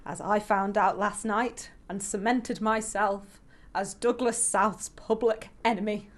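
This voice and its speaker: A woman's voice: medium pitch, steady tone, a little slow. Chatty woman podcast co-host. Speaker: podcast co-host and opinion writer. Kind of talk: casual chat and anecdotes.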